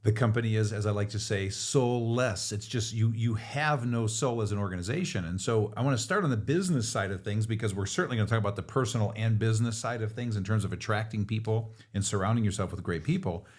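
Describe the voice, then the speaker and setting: A middle-aged man co-hosting a podcast, explaining ideas in a relaxed teacher's manner. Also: fairly low pitch, fast, few pauses. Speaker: business author and podcast co-host. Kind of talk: casual podcast talk.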